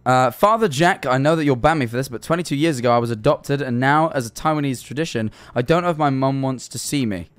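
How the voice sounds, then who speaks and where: Speaking fast with few pauses, a young adult man with a clean, mid-range voice reads out viewer messages on his livestream, faint music behind him. He reacts to chat animatedly and sarcastically, swearing often. His headset-style studio mic picks him up at a desk in a small bedroom streaming room.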